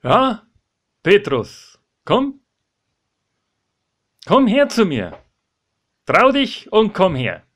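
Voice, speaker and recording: A man voicing Jesus in a retold Bible story, calling out gently and soothingly. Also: high-pitched, wildly swooping pitch, extremely slow, pauses often, voice pushed up, full character voice. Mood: reassuring. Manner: gentle, soothing, repeating comfort. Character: calm, reassuring Jesus, adult man.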